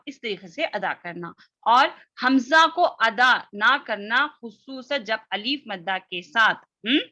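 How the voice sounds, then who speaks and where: A woman with a fairly high, sharp voice teaches an online Quran recitation class, walking through it step by step and demonstrating how letters sound. She keeps checking that her students are following, repeating "theek hai" and "hm?".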